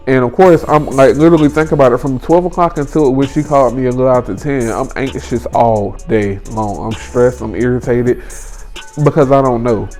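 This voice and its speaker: A man's voice: mid-range voice, moderate pace, darkish tone, soft background music. A man in his twenties telling a personal story in a vlog. He talks casually and with emphasis, and he often repeats phrases for effect. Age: 20s. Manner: casual colloquial speech. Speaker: vlogger.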